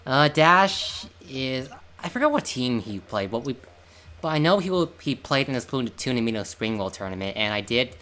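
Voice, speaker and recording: A man's voice: medium pitch, sing-song, moderate pace, bright, forceful tone. A man casually commentating a game match over a voice call, chatty and stumbling over restarts. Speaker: caster.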